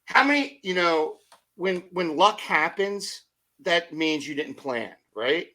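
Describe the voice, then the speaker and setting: A middle-aged man in a motivational podcast conversation. His voice is bright and forceful and sits slightly high for a man. He tells stories with energy, throws out rhetorical questions and acts out his own thoughts in quoted asides. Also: expressive, slow. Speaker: podcast guest.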